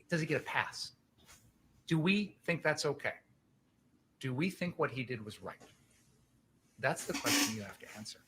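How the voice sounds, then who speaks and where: A man's voice: a little high, fairly bright tone, slight background noise, poor audio. A man speaking as a prosecutor, giving a passionate, emphatic closing argument to a jury, using pointed rhetorical questions and repetition.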